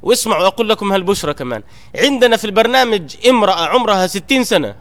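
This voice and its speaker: Fast-talking high-voiced man exhorting. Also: expressive, fairly bright tone. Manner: earnest, exhorting, rising emphatically at key points. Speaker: Quran memorization program teacher. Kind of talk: recorded exhortation to students.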